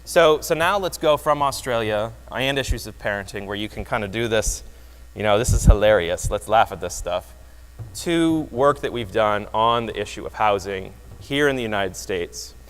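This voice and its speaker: A man giving a lively, wry conference talk that explains research results, often restarting his phrases. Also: lowish voice. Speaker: presenter. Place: conference hall. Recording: long hall reverb.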